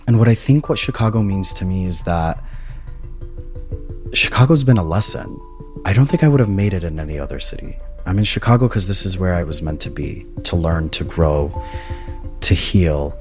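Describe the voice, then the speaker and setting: Brief: deep-voiced man, mid-twenties, from Palestine, earnest reflective first-person narration, faint music underneath. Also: no echo, studio quality. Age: 20s. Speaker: housing case manager and graduate student.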